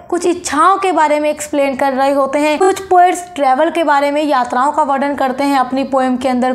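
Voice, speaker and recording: A woman teaching a literature lesson, glossing each term and reading English notes aloud slowly. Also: high-pitched. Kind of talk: exam-prep lecture.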